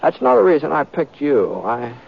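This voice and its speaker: Heavily in character, this lead actor narrates a 1940s-50s radio western as a relaxed, experienced lawman and tracker, his folksy drawl hesitant and slow, with murmured asides. His voice runs on the high side, swooping wildly in pitch with vocal fry, the mood calm yet weary, on a clicky, muffled, noisy old recording.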